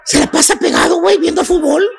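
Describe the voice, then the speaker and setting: A man's voice: extremely high pitch, fast, gravelly, over music, full character voice. A man with a Mexican accent playing a preachy, know-it-all love advisor on a comedy radio show, teasing and full of slang. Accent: Mexican Spanish. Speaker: comic radio host.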